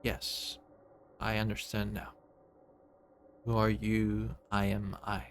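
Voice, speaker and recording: A man voicing a vast, childlike alien visitor from a video game, solemn and gently wondering, in short halting phrases. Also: lowish voice, monotone, a little hiss or hum. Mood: solemn, dawning remorse. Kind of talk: video game dialogue read aloud.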